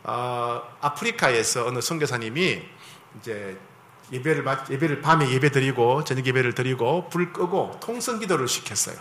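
A man's voice: medium pitch, expressive, normal speed, a bit bright, reverberant. A man preaching a sermon as a pastor in a conversational style, often asking the congregation for agreement.

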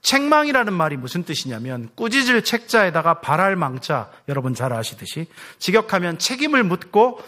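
A man's voice: high-pitched, sing-song, brisk, few pauses, pushed and bright. A male pastor preaching a sermon, asking rhetorical questions and dropping his voice at the ends of phrases.

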